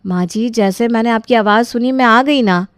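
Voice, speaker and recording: A woman's voice: fairly high pitch, moderate pace, no echo, studio quality, natural voice. A woman voicing a meek young daughter-in-law who answers her mother-in-law politely. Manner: polite, answering back mildly.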